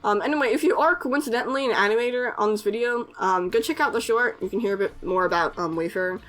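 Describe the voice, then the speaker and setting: Quick-paced and fairly high-pitched with a bit of brightness, a young woman chats informally in a voice-over as she edits. She's an artist and animator on YouTube, hesitant and heavy on fillers and shy little laughs.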